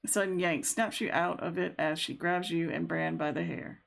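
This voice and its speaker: A woman reading a story game aloud, slowly, with amused asides. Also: lowish voice, fairly even intonation, gravelly. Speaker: game streamer. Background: game music.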